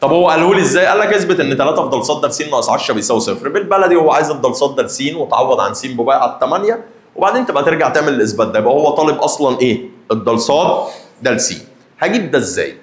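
A young man with an Egyptian Arabic accent, a math teacher giving a lively lesson and teasing his students directly. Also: medium pitch, very fast, roomy sound.

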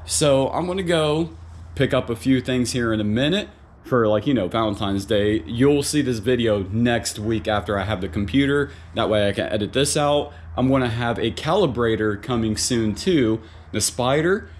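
A man chatting casually in a vlog, excitable and quick to exclaim, talking from inside his car. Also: mid-range voice. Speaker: vlogger. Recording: car noise in background.

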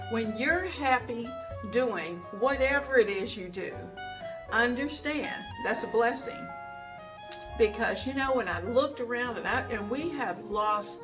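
An older woman hosting a home kitchen vlog, chatting casually with homespun advice and thankful asides, recorded at home. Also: on the high side. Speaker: cooking channel host. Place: home kitchen and dining room, indoors.

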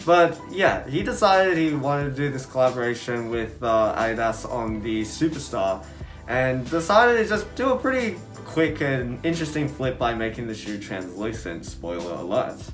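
A man's voice: mid-range voice, animated, normal speed, faint music behind. A young adult man giving a casual, laid-back product review to camera, talking through a cloth face mask. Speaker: sneaker reviewer, video host. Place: indoors, small room at home.

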